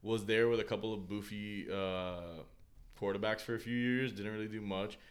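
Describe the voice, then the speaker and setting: A man's voice: lowish voice, steady tone, normal speed. A man co-hosting a casual sports podcast with slangy, profane frat-bro talk. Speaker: podcast co-host.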